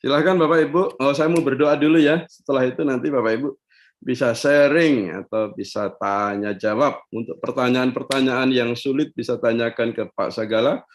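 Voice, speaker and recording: A man's voice: mid-range voice, normal speed. A man preaching a casual, joking online sermon from his office. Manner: joking, playful, mixes in Javanese words. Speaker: pastor.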